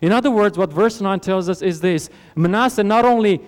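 A Romanian pastor preaches a sermon a little quickly, posing earnest rhetorical questions and letting his voice drop low and soft as phrases end. The recording has a long hall reverb and mains hum.

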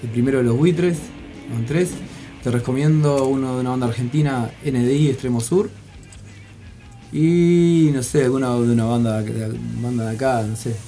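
A man chats as a radio guest, rambling through his answers with plenty of fillers. His voice is dark and mellow. Faint music plays underneath. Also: medium pitch, normal speed. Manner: rambling, hesitant, many fillers. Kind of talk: casual radio interview.

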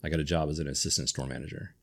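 A middle-aged man hosts a podcast, his voice rumbling low, gravelly and steady in tone as he talks rapid-fire. The chat is casual and rambling, full of self-corrections, restarts and enthusiasm.

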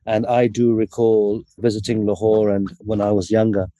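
A UK-born man answers questions as an interview guest, opening with Arabic invocations. His lowish, mellow voice is delivered flatly at a moderate pace with no echo. He comes across as earnest and opinionated.

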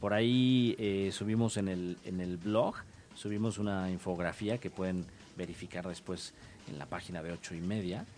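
A man hosting a casual radio interview, relaxed and loose, with many fillers and trailing phrases. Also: low-pitched, normal speed, a little hiss or hum. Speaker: radio show host.

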